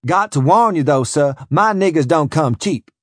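A man's voice: a little high, expressive, normal speed, no room sound, studio quality, voice pushed up. Man doing a bragging trader. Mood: businesslike. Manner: blunt, bragging, folksy. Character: hard-bitten Southern slave trader, proud man.

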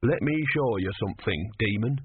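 A man's voice: fairly low pitch, animated, normal speed, husky, dry recording. A man voicing an earnest, naive young male novice monk who speaks anxiously and sincerely, heard over tinny phone-like audio. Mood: solemn.

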